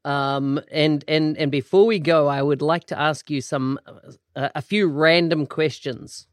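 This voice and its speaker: A man's voice: a little high, fairly even intonation, measured pace, no room sound, studio quality. A man interviewing a guest, encouraging him with frequent affirmations. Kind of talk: interview questions.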